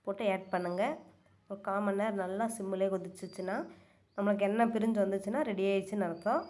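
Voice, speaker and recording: A woman's voice: mid-range voice, warm tone. A woman talking her viewers through a home recipe step by step, in a casual, repetitive, instructive way. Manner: chatty, instructive, repeats words for emphasis. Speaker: cooking channel host.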